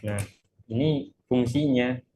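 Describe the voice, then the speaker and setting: In a mid-range, mellow voice, the presenter takes his time through an introductory webinar lesson, speaking politely and hesitantly through a face mask and sounding a bit unwell. He is a twenty-year-old man from Cianjur, West Java, Indonesia. The audio is dull, muffled and lo-fi, with a little hiss or hum.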